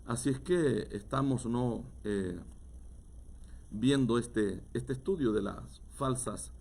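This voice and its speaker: Pastor, male, Latin American Spanish accent, chatty sermon delivery, mid-pitched voice. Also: takes it slowly, darkish tone, slightly rough. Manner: conversational, many fillers and "¿verdad?", acts out quoted voices. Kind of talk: sermon-style teaching.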